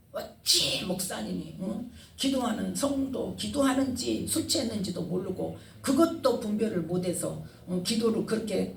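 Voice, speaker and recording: A woman's voice: fairly low pitch, creaky, echoey room, far from the mic, a little hiss or hum. A woman pastor preaching a sermon, asking the congregation questions and retelling scenes with feeling. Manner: call-and-response questioning, dramatic retelling.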